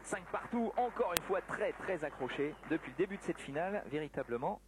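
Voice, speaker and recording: High-voiced man commentating live sport. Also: expressive, brisk. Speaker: table tennis match commentator. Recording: noisy sports hall broadcast, background ambience. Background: sports hall noise.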